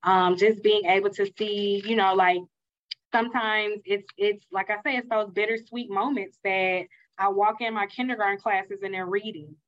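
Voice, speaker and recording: A woman's voice: medium pitch, steady tone, moderate pace, muffled recording. A woman from Mississippi with a Southern country accent, speaking conversationally as an interview guest. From Mississippi, United States. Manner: country way of talking. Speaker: podcast guest, school leader.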